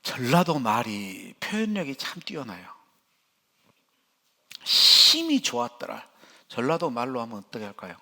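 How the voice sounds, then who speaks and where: Animated older male pastor preaching. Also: mid-range voice, brisk, hardly any pauses. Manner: animated, folksy storytelling. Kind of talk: sermon. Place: church.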